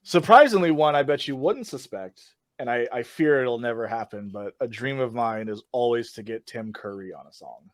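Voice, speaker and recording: A man's voice: medium pitch, lively intonation, moderate pace, no echo. A man who plays in a metal band, chatting as a podcast guest, rambling and teasing a little. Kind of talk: casual chat.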